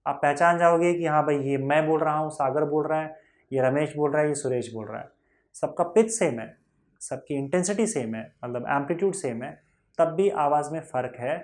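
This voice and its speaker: A man's voice: on the high side, normal speed. A man teaching a physics lesson in a patient way, repeating key points and asking whether the class has understood.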